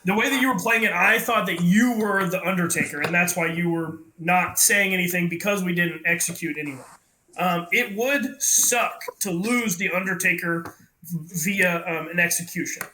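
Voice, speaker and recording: A man's voice: sits high, moderate pace, sharp tone, a little hiss or hum, low-quality recording. A man casually debating with other players in a social deduction game.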